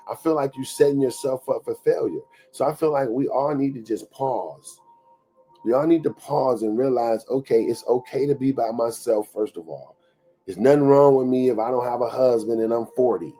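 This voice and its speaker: A man talks to his listeners in a preachy, conversational way, circling back and repeating lines for emphasis. His voice is warm and mellow at a middle pitch. Faint music plays underneath. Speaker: show host. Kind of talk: motivational talk.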